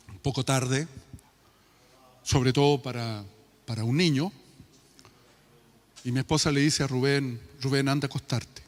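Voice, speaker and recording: Chilean pastor preaching in an echoing hall. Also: male voice, mid-range voice. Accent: Chilean Spanish. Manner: storytelling, rising to impassioned pleading. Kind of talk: sermon. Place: church. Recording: reverberant church hall with music.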